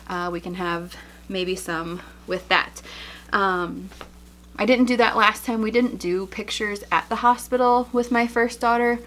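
A woman's voice: fairly low pitch, fairly bright tone, slight background noise. A young woman vlogger, a little out of breath, chatting casually as she shows items, with frequent fillers and small laughs. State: slightly out of breath. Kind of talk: casual chat showing items.

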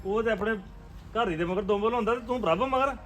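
An actor playing a gruff father who bickers with his wife and keeps asking "huh?" in a family drama. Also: high-pitched, fast, over music, lightly acted. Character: gruff older father-in-law.

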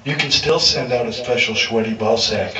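An older man playing an earnest baker guest in a live pub comedy sketch, deadpan and matter-of-fact. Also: medium pitch, moderate pace, dull audio, lightly acted. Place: crowded pub. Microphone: handheld mic. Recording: echoey pub, far mic, loud crowd.

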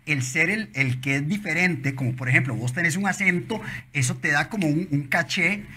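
A man in his forties from Costa Rica with a Costa Rican accent, a guest telling his story in a casual interview with impulsive, animated storytelling and frequent restarts, in an office lounge. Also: on the high side, moderate pace, breathy edge. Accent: Costa Rican Spanish. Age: 40s. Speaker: guest entrepreneur. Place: office lounge studio, indoors.

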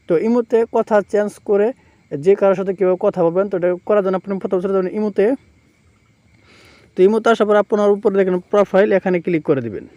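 Quick, high-voiced man explaining steps. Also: mellow, dry recording. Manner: repetitive step-by-step explaining, filler "কিন্তু". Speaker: tech tutorial host. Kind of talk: screen-recorded app tutorial.

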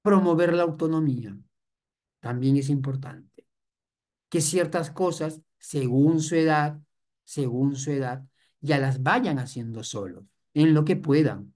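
Low-voiced woman giving emphatic parenting advice. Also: unhurried, a little mellow. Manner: emphatic, repeats key phrases. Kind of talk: parenting talk.

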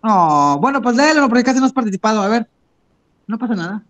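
Very high-voiced male teacher. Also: animated, quick pace, fairly bright tone, highs cut off. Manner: encouraging, switches between English and Spanish. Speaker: English teacher. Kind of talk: online class instruction.

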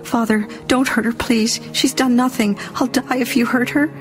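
A woman's voice: medium pitch, level tone, moderate pace, faint music behind, lightly acted. Audiobook heroine: a desperate young girl, urgent and pleading, read by a woman.

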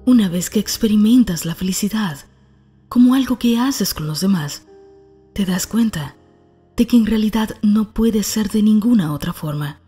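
A woman reading a scripted self-help narration in a calm, soft, breathy manner. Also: mid-range voice, moderate pace, soft background music.

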